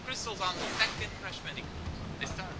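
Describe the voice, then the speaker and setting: A man playing a video game and chatting casually, excitable and quick to laugh. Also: high-pitched, a faint crowd. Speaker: gameplay co-commentator. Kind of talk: casual playthrough banter.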